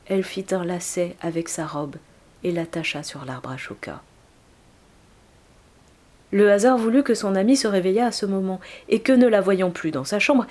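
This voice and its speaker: A woman reading an old tale aloud in a soft, measured way, at times near a whisper. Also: mid-range voice. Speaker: narrator.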